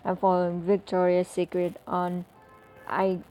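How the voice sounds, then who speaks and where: A woman's voice: fairly low pitch, monotone, a little slow, muffled recording, faint music behind. A woman talking through an app tutorial as a casual voice-over, chatty and full of fillers as she walks through each step. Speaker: tutorial presenter.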